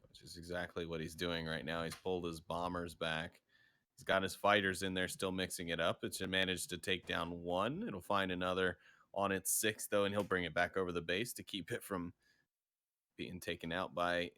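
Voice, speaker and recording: A man co-casting a video game match, adding short, relaxed remarks and color commentary. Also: deep voice, normal speed, dry recording. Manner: relaxed, brief quips, chuckles. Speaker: esports co-caster. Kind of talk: casual esports color commentary. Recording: faint music behind.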